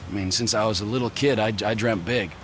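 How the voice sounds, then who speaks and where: A man's voice: lowish voice, fast talker, a bit bright, a little hiss or hum, close to an everyday voice. A male actor playing a rambling, ambitious criminal in a video game. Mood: earnest. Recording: game clip with music behind.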